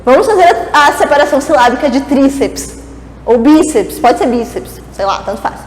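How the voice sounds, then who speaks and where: A woman's voice: high voice, animated, moderate pace. A woman teacher giving a classroom lesson, playful and chatty, asking herself rhetorical questions as she explains at a board. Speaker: Portuguese teacher. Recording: echoey room with long reverb and faint noise.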